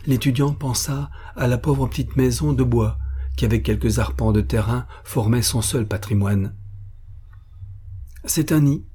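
A man narrating an audiobook of a classic novel, measured and expressive. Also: mid-range voice, husky.

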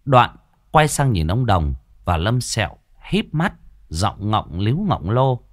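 A man narrating a story in a lively, expressive way into a close mic. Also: lowish voice, takes it slowly, no room sound.

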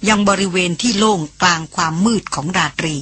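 A woman reading a novel aloud as an audiobook narrator, in slow, hushed narration. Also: mid-range voice, slightly rough. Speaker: audiobook reader.

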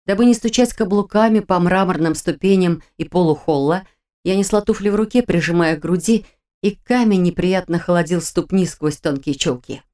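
A woman's voice: on the low side, normal speed, a little mellow. Woman narrating a fantasy audiobook.

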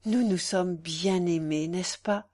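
A woman's voice: lowish voice, takes it slowly, darkish tone. A woman reading the part of a distraught noblewoman, breathless and pleading, close to tears. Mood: sorrowful farewell.

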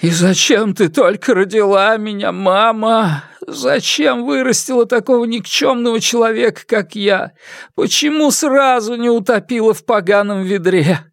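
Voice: medium pitch, lively intonation, normal speed, darkish tone, no room sound, studio quality, pitched above the performer's own voice, natural voice. A reader voicing a timid, pathetic middle-aged man who pleads and wails, in an audiobook. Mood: wailing. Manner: mumbling, pleading, wailing.

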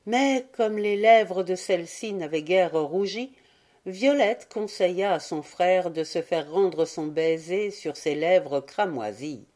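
Woman narrator for a storybook audiobook: slow, soft warm tone, gentle expressive reading. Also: lowish voice. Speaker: audiobook reader.

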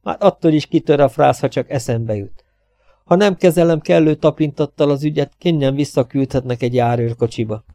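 A harried, fed-up male police captain, as a male narrator reads him. He grumbles his complaints in a weary voice. The recording is dry and close, with a mellow tone. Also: fairly high pitch, no echo, pitched above the performer's own voice, natural voice. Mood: grumbling.

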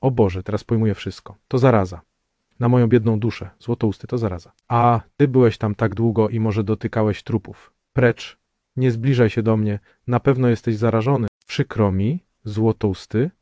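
A scared young pilgrim pleads anxiously in a storybook reading, as a man puts him on. The voice is dark and mellow, dry and close, on a dull lo-fi recording. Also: lowish voice, fairly even intonation, normal speed, dry recording, natural voice. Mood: panicked. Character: frightened young male pilgrim companion.

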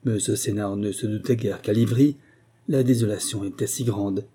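A man reading a first-person memoir aloud, in measured, even storytelling. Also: on the low side. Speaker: audiobook narrator. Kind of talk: scripted narration.

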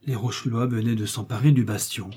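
A male narrator reading a classic novel aloud as an audiobook. His voice is dark and mellow with a husky edge. He keeps a steady, even storytelling pace. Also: mid-range voice, fairly quick.

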